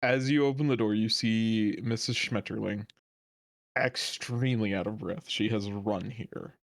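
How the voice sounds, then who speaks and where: A man narrating a tabletop game as game master in a calm, descriptive way. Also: lowish voice, measured pace, gravelly.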